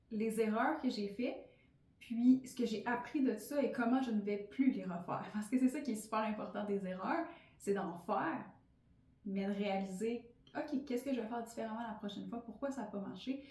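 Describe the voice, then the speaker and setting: A podcast host in her thirties, speaking with a Québécois French accent, gives a candid, filler-laden personal monologue in a chatty style. Her voice is a little high and a little mellow at a normal speed, and the recording sounds roomy, with the mic slightly distant.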